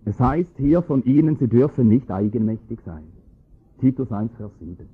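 A man preaching a sermon, explaining scripture with emphatic, rising stress on key points and a husky voice. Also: mid-range voice, lively intonation, normal speed. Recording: tinny phone-like lo-fi recording.

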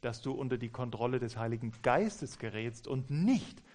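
A man interprets a sermon live, one phrase at a time. He matches the preacher's emphasis as he goes. His voice sits at a middle pitch. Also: expressive, moderate pace, a little mellow. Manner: follows each phrase closely, mirroring the preacher's emphasis.

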